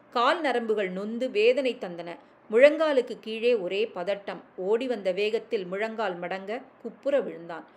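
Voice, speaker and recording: Brief: woman audiobook story narrator, expressive storyteller. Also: medium pitch. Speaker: story reader.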